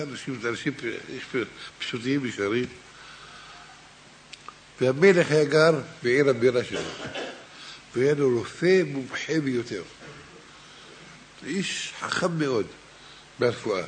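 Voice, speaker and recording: A man preaching a Torah sermon and telling a parable, swinging between hushed and raised delivery, addressing his listeners directly. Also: mid-range voice, slight background noise.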